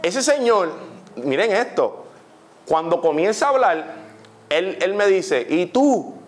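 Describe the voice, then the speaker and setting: A young man with a Puerto Rican accent preaching a testimony sermon, animated, often saying "literally" and putting questions to his listeners. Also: high voice, slow pace. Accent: Puerto Rican Spanish.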